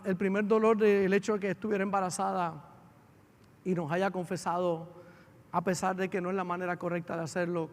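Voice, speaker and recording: A man, a pastor telling a family story in a sermon, with emotion that builds as he goes. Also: high voice. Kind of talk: sermon testimony. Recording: long hall reverb.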